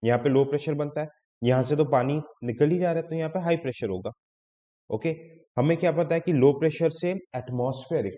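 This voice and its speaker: A man teaches an exam-prep class, walking through each idea step by step and checking in often. His voice is mellow and dark, and the recording is dull with a long reverb tail like a hall. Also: a little high. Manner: explains step by step, mixing in English terms, often checks "ठीक है".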